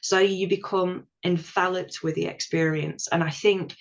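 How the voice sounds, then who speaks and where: A woman's voice: fairly low pitch, steady tone, a little slow, gravelly. A woman from England, a podcast guest, talking thoughtfully and earnestly, often restarting her sentences. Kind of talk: casual chat. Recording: dull lo-fi sound.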